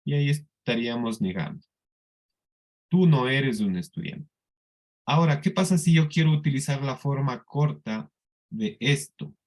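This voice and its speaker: This is a man with a Colombian Spanish accent teaching a class. He talks at a slow, deliberate pace in a mid-range voice, and he often checks that his students understand. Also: mid-range voice, animated. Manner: slow, patient explaining with frequent checks for understanding. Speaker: English teacher. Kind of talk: classroom lesson.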